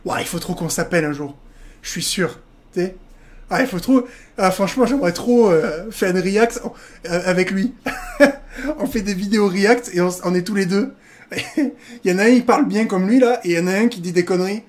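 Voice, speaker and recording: A man's voice: high voice, moderate pace. A man hosting a casual reaction video with crude jokes, frequent laughter and rambling asides that turn serious. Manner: crude joking, laughs often; digressive, drifts between jokes and serious remarks.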